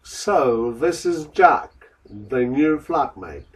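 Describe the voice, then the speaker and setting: A man voicing repeat-after-me lesson drills, slow and careful, with lively intonation. He sounds set back from the microphone. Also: a little high, distant mic, rough recording. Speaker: lesson model voice repeating lines.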